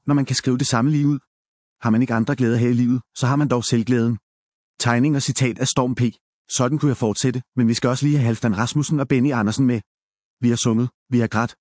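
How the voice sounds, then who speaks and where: A man, apparently a pastor, giving a measured talk with wry asides and quoted stories. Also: medium pitch, a little mellow, dry recording, clean studio sound. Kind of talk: reflective talk with read-out quotes.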